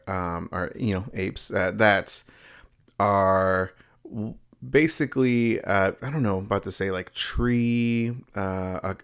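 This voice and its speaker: A man's voice: low voice, clear, resonant tone. A man hosting his own home video review channel, talking casually with lots of fillers and restarts. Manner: rambling, many fillers and restarts; upbeat, excitable opening.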